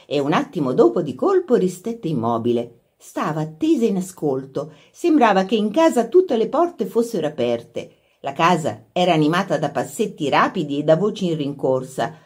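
A woman reading a literary short story aloud as narrator, in an expressive storytelling manner. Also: fairly low pitch. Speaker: audiobook narrator.

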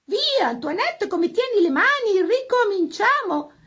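A woman voicing a spinster piano teacher who is envious and gushes with false sweetness, in a very high voice. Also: very animated, a little slow, fairly bright tone, muffled recording, exaggerated voice. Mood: gushing envious.

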